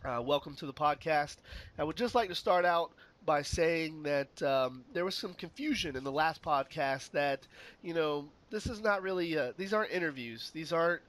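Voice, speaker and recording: A fairly high-voiced man getting over a cold hosts a relaxed podcast. He jokes easily and keeps the talk loose, full of fillers. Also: normal speed. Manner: easygoing and joking, many fillers. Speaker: podcast host.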